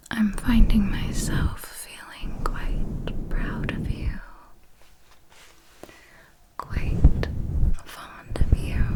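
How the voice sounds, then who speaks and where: Playing an elegant vampire mentor in an ASMR roleplay, a woman breathes a fairly high-pitched whisper right into a close mic, fond yet condescending. She speaks formally, very slow and deliberate, with possessive warmth and calm command. The recording is rough.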